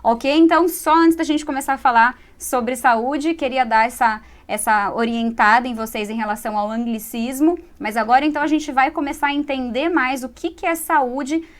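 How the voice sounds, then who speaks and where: Brazilian woman English teacher, high voice, explanatory TV lesson delivery with frequent "né?" tags. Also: moderate pace, hardly any pauses. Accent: Brazilian Portuguese. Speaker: English teacher and show host.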